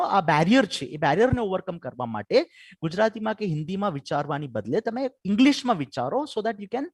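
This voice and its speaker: A man with a Gujarati accent lectures in a webinar on learning English, switching between Gujarati and English and checking in with "right?" again and again. His voice sits high and swings widely in pitch. The sound is dry and close, with no room echo. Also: slightly rough. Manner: keeps asking "right?" after points. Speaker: English teacher giving a webinar talk. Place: home or office for an online webinar.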